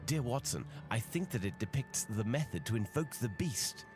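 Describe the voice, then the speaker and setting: An actor playing Sherlock Holmes as a grave, analytical detective in a video game, speaking in a measured, formal way. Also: male voice, mid-range voice, animated, close to an everyday voice. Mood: analytical, composed. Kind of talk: video game cutscene acting. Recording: loud music under the voice. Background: music.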